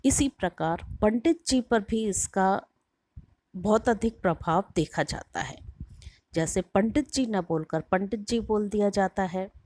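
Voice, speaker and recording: A middle-aged woman delivers a university lecture, unhurried and careful. She explains step by step and lingers over her examples. The sound is dry and close, with no room echo. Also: mid-range voice, darkish tone. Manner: slow, measured and explanatory, drawing out example words. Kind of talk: recorded lecture.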